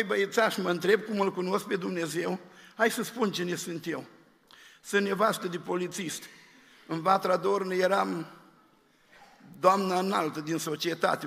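A man's voice: high-pitched, gravelly, fairly bright tone, in a large hall. A man preaching a sermon in the form of a testimony, telling a story and quoting its people in his own voice.

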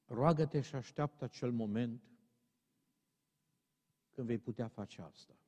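Male preacher, sermon delivery, warm dark tone, emphatic and exhorting, long hall reverb. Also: mid-range voice. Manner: emphatic, rising to stern exhortation.

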